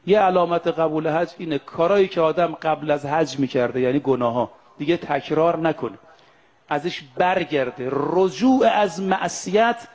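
High-voiced man preaching a sermon. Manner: slows down to chant Arabic prayers and quotes, then explains them in plain talk; addresses the audience directly, brothers and sisters. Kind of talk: sermon to pilgrims.

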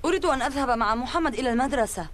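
Young village boy played by a woman, stubborn and eager, high-pitched, with clear noise behind. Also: animated, rapid-fire. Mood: downcast.

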